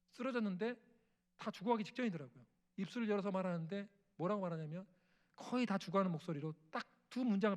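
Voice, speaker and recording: A middle-aged male missionary preaching an emotional testimony sermon in a church, acting out family dialogue and prayers. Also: sits high. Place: church sanctuary.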